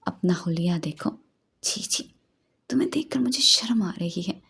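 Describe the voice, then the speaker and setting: A woman's voice: lowish voice, animated, normal speed, vocal fry, a bit bright, breathy edge, full character voice. A woman reading the lines of a stern, controlling young man who scolds with disgust. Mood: scolding.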